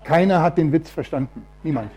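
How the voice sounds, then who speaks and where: A man's voice: on the high side, lively intonation, a little fast, a little mellow, soft background music. A man giving a testimony sermon in church, telling his story with quoted voices acted out and reading a Bible passage aloud.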